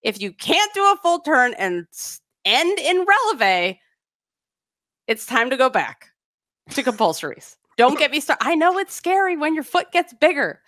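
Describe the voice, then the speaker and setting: A high-pitched woman with a very lively, swooping voice, co-hosting a podcast in a dry studio sound. She talks in an emphatic, ranting way, piling up her complaints with plenty of energy. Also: unhurried, no room sound. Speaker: podcast co-host. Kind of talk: casual chat.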